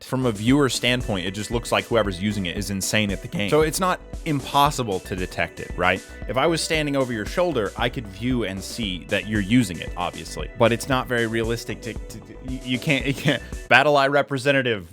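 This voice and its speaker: A man giving casual, animated commentary to camera as a gaming video creator, talking in slang and restarting his sentences. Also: mid-range voice, brisk, few pauses, faint music behind.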